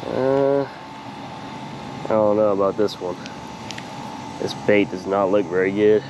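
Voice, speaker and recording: A man with a slightly creaky voice chatting casually and in slang to viewers as he hosts a fishing vlog outdoors. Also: on the low side, slow pace, muffled recording, noisy background. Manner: laid-back, slangy, talking to viewers. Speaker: fishing vlogger and host. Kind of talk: casual chat while fishing. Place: outdoors by a small pond.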